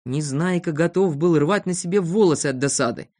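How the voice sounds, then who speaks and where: A woman narrating a children's audiobook with expressive storytelling. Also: low voice, brisk.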